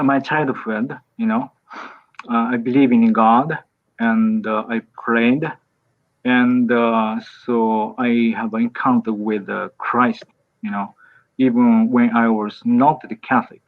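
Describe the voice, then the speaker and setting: A Japanese priest in his fifties speaks English with a Japanese accent in a medium-pitched, steady voice. He talks slowly and hesitantly, with many pauses, fillers and restarts. The audio is thin and tinny, like a phone or video call.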